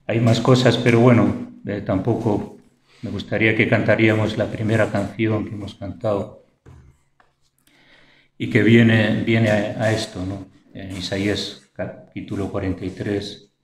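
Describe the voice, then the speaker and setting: A man's voice: fairly low pitch, flat delivery, a little slow, slight background noise. A man with a Spanish accent from Spain preaching a sermon, passionate and rising to exclamations of praise. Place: church hall. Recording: echoey church room.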